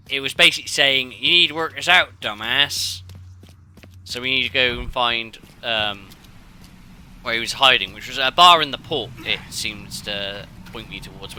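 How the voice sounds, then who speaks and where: Bright-voiced man doing casual gameplay commentary. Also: mid-range voice. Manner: offhand, wry, swears casually. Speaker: gamer playing and commenting.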